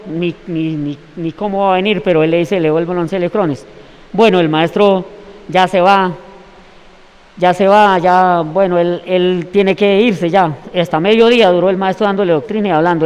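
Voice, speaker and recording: A man's voice: high-pitched, smooth, big-room sound. A man telling a long story in an interview, rambling and restarting his words. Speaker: interviewee recounting events.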